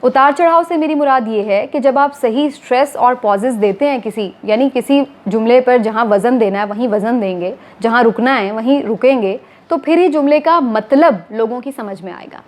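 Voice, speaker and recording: A woman, a TV anchor calmly explaining to viewers, step by step, how to become a news anchor. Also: fairly high pitch, moderate pace, hardly any pauses. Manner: steady, explanatory, addressing viewers formally. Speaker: TV anchor giving career advice. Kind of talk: instructional talk to camera.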